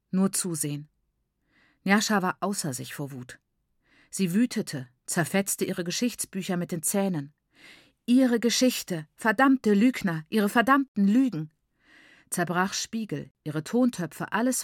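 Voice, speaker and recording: A woman's voice: mid-range voice, dry recording, clean studio sound. Grave woman reading an audiobook. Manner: measured, grave storytelling. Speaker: audiobook narrator. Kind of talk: first-person literary audiobook narration.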